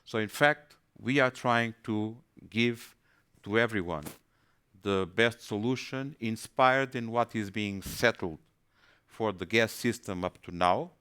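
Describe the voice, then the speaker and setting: Guy talking in a webinar, low smooth voice, lots of uh and repeated words. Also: slow, a bit bright. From Portugal. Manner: hesitant, repeats words while thinking. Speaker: panelist. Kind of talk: webinar presentation.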